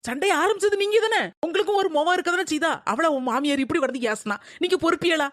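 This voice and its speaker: A woman's voice: very high-pitched, a bit bright, dry recording, clean studio sound. A woman acting as a defensive young daughter-in-law in a comedy skit, arguing back. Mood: accusing. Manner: rapid, argumentative, protesting.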